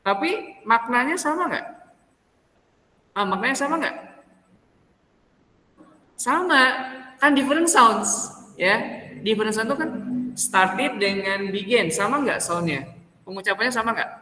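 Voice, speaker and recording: Man, lecturer, slow and bright, switches languages, keeps checking students, echoey room with long reverb. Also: high-pitched, expressive. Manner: keeps checking with students through repeated rhetorical questions; switches between Indonesian and English. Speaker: university English lecturer. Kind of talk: classroom lecture.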